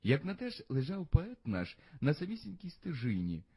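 A man reading a verse tale aloud as the storyteller, in an expressive, sing-song recitation. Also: fairly high pitch, moderate pace, husky.

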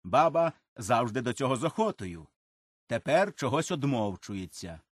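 A man narrating a storybook tale in an expressive, lively storytelling manner. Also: mid-range voice, moderate pace, husky, no echo, clean studio sound. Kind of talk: storybook reading.

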